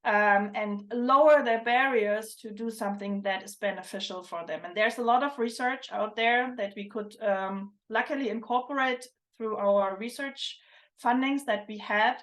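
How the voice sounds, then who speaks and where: A woman's voice: fairly high pitch, moderate pace, fairly bright tone. A woman talking through a livestream panel discussion, thoughtful, often restarting her sentences. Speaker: livestream presenter. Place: online livestream, video call.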